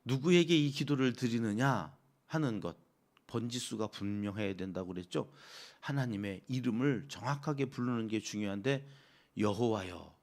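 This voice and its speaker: A man of ordinary pitch delivers an early-morning sermon as the church's pastor. He preaches expressively, throws rhetorical questions at the congregation and leans hard on his emphasis. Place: church sanctuary.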